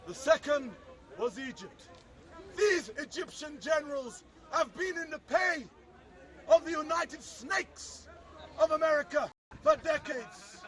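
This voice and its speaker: Speaking slowly in a very high, slightly bright voice with lively intonation, this street orator gives a fervent, emphatic political address full of repeated phrasing. He stands at a public speakers' corner outdoors, where a faint crowd and city noise can be heard.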